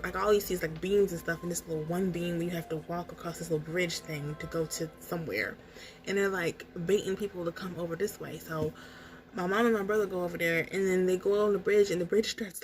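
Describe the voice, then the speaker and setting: A woman casually telling a story about a dream, hazy and puzzled, circling back as she guesses at details and acting out her own reactions. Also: lowish voice. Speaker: storytelling vlogger.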